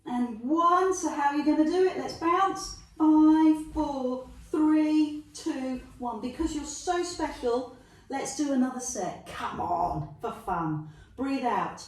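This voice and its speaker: This Pilates instructor, a middle-aged woman with a London accent, has a high voice and takes her time. She counts reps, encourages the viewer and throws in jokes, sounding distant in an echoey space.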